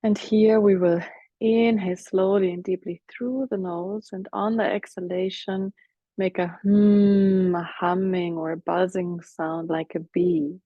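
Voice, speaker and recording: A woman leading a guided breathing meditation as a teacher, speaking softly and soothingly, with some cues half whispered. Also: fairly low pitch, steady tone, dry recording, lo-fi sound. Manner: soft, slow, soothing guidance with whispered cues.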